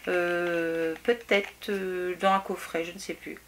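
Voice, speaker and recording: A woman's voice: fairly low pitch, flat delivery, takes it slowly, a little hiss or hum. A young adult woman chatting casually through a beauty product review, hesitant, with many fillers and restarts. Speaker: beauty vlogger.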